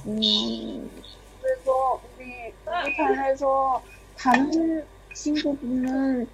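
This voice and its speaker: A woman's voice: sits high, slow pace, over a noisy crowd, poor audio. A young woman from China speaking Korean with a Chinese accent as an interview guest, hesitant and self-deprecating in casual chat. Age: young adult.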